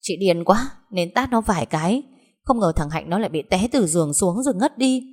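A woman voicing a furious, hot-tempered peasant woman who shouts threats. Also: mid-range voice, expressive, brisk, natural voice.

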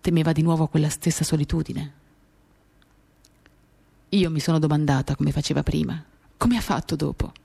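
Reading a novel aloud for radio theatre, this woman has a low, warm voice that is gravelly and slightly rough. She speaks at normal speed with fairly even intonation, pausing often. Her short phrases feel intimate, dramatic and confiding, with acoustic guitar in the background.

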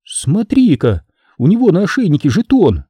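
A man putting on a brisk storybook mother. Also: high-pitched, huge pitch swings, warm tone, breathy edge, no echo, pitched above the performer's own voice, full character voice. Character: practical mother, firm but kindly.

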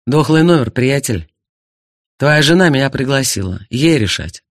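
A man's voice: mid-range voice, lively intonation, moderate pace, dry recording, studio quality, lightly acted. A man voicing a brash, mocking young man in an audiobook. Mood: cocky. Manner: cheeky, mocking. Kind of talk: audiobook character voice.

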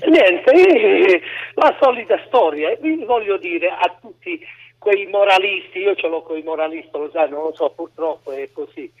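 High-voiced man calling in on speakerphone. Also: expressive, a little slow. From Bari, southern Italy. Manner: rambling, insistent, talks over hosts. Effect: distant hollow phone line, as if on speakerphone. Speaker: radio caller. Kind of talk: call-in phone talk. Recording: muffled phone line.

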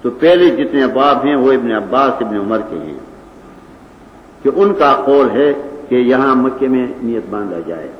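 A man's voice: medium pitch, lively intonation. An older man with a Pashtun accent delivers a religious lecture, arguing points step by step and reciting Arabic passages. His voice rings through a large reverberant hall, captured on a dull, lo-fi old recording with faint noise behind. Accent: Pashtun-accented Urdu. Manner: didactic, argumentative, quotes Arabic texts. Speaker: Quran and hadith teacher.

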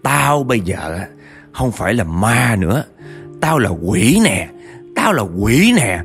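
Old female beggar demon, put on by a male storyteller: slow, gloating, menacing. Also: lowish voice, very animated, fairly bright tone, faint music behind, full character voice.

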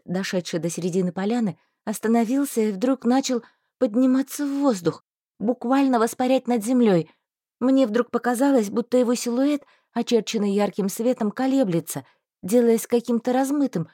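A woman reading a fantasy audiobook aloud, telling a first-person story with lively expression. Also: on the high side, normal speed, no room sound, studio quality. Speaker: audiobook narrator.

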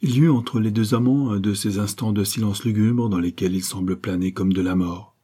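A man narrating a serialized novel as an audiobook in a measured, solemn reading. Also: lowish voice, fairly even intonation, warm tone, husky.

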